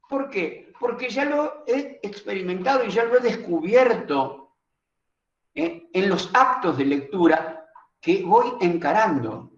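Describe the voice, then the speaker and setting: A man's voice: on the high side, roomy sound, lo-fi sound. A man teaching a course on reading and writing, reflective, often asking himself rhetorical questions. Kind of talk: recorded lecture.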